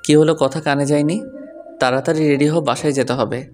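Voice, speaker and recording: A man voicing a calm, stubborn young husband in an audio story who teases in a dry, level way. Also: on the high side, brisk, faint music behind, lightly acted. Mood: firm. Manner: dry, teasing, level delivery. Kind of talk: Bengali audio story acting.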